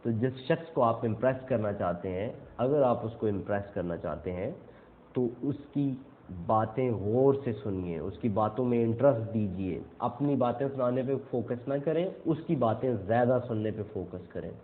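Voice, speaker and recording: A man's voice: mid-range voice, moderate pace, slight background noise. A young man, giving a casual instructional talk and explaining step by step with frequent check-ins. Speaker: self-improvement speaker. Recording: tinny phone-like audio.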